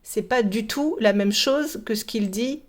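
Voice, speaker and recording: A woman from France explaining a cartoon in a casual lesson, pausing often and hesitating between words. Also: fairly high pitch. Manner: hesitant, many pauses and fillers. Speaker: French teacher.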